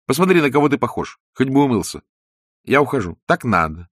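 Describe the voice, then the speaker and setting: A man's voice: mid-range voice, sing-song, a little fast, no room sound, studio quality, pitched above the performer's own voice. A man voicing an irritable, impatient wife who answers curtly. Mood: curt, irritated. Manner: curt, impatient. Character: irritable, cool-headed wife leaving her husband.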